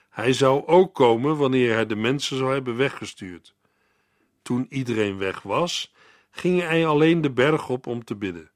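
A man's voice: mid-range voice, dry recording, studio quality. Earnest male radio Bible teacher. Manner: measured, earnest, addresses the listener. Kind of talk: Bible reading and devotional commentary.

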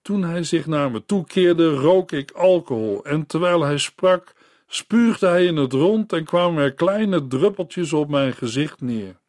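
A man narrating a story in a radio Bible broadcast, reading in a measured, earnest way and turning to the listener. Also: on the high side, lively intonation, a little mellow, no echo, studio quality.

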